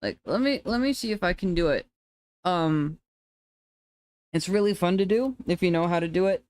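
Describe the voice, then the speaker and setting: A streamer with an androgynous to femme-sounding voice, chatting casually with viewers in a rambling, relaxed way. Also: mid-range voice, moderate pace, no echo. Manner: relaxed, rambling, laughs often, restarts sentences.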